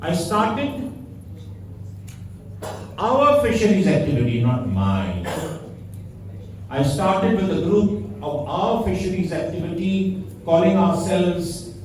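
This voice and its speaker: A man's voice: high voice, sing-song, slow pace, pauses often, darkish tone. An older man, a fisheries activist giving a rousing, rhetorical speech to an international audience. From India. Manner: rousing, rhetorical, jokes with the crowd. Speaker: fisheries activist speaking at a conference. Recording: echoey hall, distant mic, faint noise.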